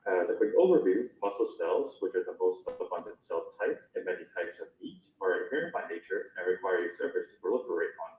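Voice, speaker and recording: Man, PhD student, technical overview, deep voice, roomy. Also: expressive, quick pace, hardly any pauses, darkish tone. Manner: technical, explanatory. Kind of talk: research presentation. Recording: echoey room.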